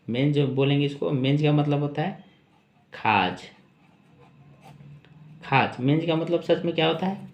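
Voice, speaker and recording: A man teaching English pronunciation in Hindi, saying each word slowly, repeating it and asking questions to his viewers. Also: on the high side, echoey room. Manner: slow, repeats each word and its meaning, asks rhetorical questions.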